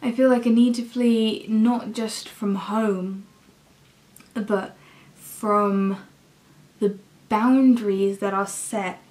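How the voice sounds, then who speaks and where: A young adult woman with an English accent, talking casually and candidly in a halting, confessional vlog style. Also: mid-range voice, fairly even intonation, a little mellow, low-quality recording. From England. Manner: slow, halting, candid, with frequent swearing. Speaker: university student vlogger.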